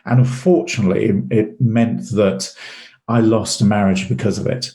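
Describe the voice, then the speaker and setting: A man's voice: lowish voice, steady tone, moderate pace, mellow, reverberant. A middle-aged man, a sales trainer, telling rambling stories as an interview guest and often repeating words. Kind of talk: casual interview storytelling.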